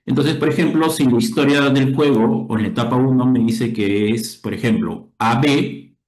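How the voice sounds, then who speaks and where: Male lecturer, middle pitch, patient explainer who keeps checking for understanding, recorded with room echo. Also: normal speed, a little mellow. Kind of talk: game theory lecture. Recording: roomy echo.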